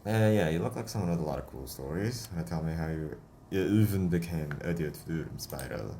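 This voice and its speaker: Deep-voiced man playing a game, with hiss. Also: expressive, a little fast, gravelly, warm tone. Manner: chatty, laughing, self-talking. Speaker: let's play host. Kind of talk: casual gameplay commentary.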